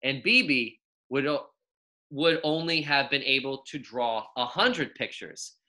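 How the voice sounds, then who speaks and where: Key words are stretched long as a young adult man in a teacher role reads a children's story aloud with emphatic, expressive delivery in a mid-range voice.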